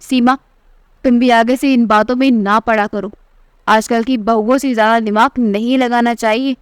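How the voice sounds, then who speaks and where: A woman's voice: fairly high pitch, steady tone, moderate pace, clear, resonant tone, dry recording, studio quality, close to an everyday voice. A woman voicing a stern middle-aged mother-in-law who scolds curtly and dismissively. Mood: scolding. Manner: scolding, curt.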